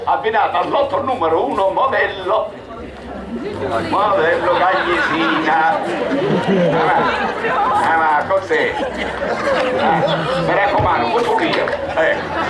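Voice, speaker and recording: A man with a Sicilian southern Italian accent playing an excitable schemer in an amateur dialect stage comedy, exclaiming and repeating words insistently. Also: high-pitched. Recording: echoey live theatre, loud crowd noise.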